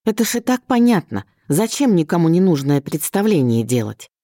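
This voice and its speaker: A woman's voice: fairly low pitch, very animated, fairly quick, warm tone, dry recording, clean studio sound. A woman voicing an irritable middle-aged father who speaks curtly, grumbles and mocks. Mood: scornful. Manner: gruff, grumbling and sarcastic.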